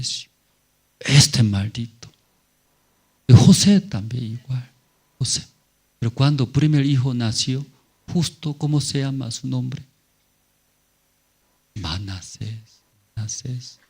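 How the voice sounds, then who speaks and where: A man's voice: medium pitch, darkish tone, breathy edge. A male pastor preaching a sermon in short, simple phrases with frequent rhetorical questions to the congregation.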